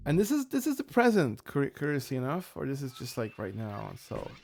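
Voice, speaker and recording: A man hosts a let's play in a loose, chatty commentary style, leaning on fillers. His voice sits at a middle pitch. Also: wildly swooping pitch, fairly quick, creaky, darkish tone, soft background music. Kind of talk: casual gameplay commentary.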